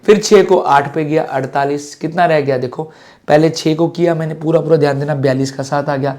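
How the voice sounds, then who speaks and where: A man's voice: a little high, fairly even intonation, fairly quick, a little mellow. Hindi-speaking man teaching exam maths. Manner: asks and answers his own questions as a student. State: slightly sore throat. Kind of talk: exam-prep maths lecture.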